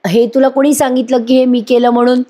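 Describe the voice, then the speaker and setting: A woman's voice: high voice, level tone, brisk, dark tone, pitched above the performer's own voice. Woman voicing a whiny scheming young wife. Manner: whining, protesting.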